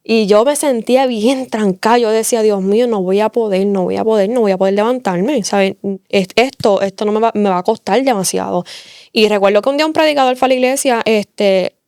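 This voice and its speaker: A woman tells her faith story in earnest, repeating phrases to drive them home. Her voice sits a little high and sounds smooth and clear. The recording is close and dry. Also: a little mellow, no room sound. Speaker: interview guest giving testimony. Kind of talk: emotional faith testimony.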